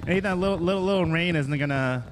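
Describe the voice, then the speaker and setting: A man co-commentating a race from the booth, chatty and quick with jokes. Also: on the high side, a crowd in the background. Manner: chatty, laughs and quips beside the lead. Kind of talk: live motorsport commentary. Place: announcer booth at a racetrack.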